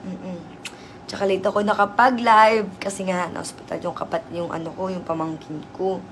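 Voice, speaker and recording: Hoarse chatty woman livestreamer. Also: fairly low pitch, little pitch movement, normal speed, fairly bright tone, a little hiss or hum. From Southern Leyte, Philippines. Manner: chatty, teasing, laughs often. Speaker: livestream host. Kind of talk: casual live chat greeting viewers.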